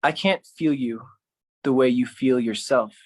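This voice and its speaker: A solo performer with a medium-pitched voice delivers a poetic monologue theatrically and deliberately, using dramatic pauses and repetition.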